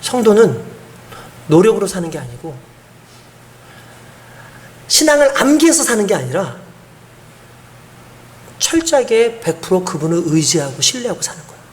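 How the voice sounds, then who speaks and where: A man preaching a sermon as pastor, telling a story and swinging between hushed and emphatic delivery. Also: high voice, very animated, normal speed, pauses often.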